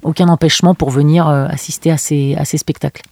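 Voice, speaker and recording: A woman's voice: deep voice, steady tone, quick pace, dark tone, no echo. A woman speaking as a guest in a radio studio interview, talking hesitantly with many fillers. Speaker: guest from a cultural venue.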